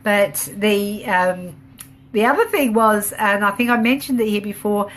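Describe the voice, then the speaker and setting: A woman who runs a home business chats casually on a live stream, rambling a bit, laughing easily and answering viewer comments as they come in. Her voice sits at medium pitch, slightly bright, with a measured pace.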